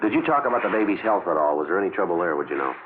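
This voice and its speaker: Very deep, deadpan Sergeant Friday. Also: male voice, very fast, background noise. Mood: politely official. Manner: clipped, deadpan, matter-of-fact. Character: stoic, businesslike male police sergeant narrating his case. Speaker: detective narrator. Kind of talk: 1950s radio police drama narration and dialogue. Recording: tinny old radio recording with music.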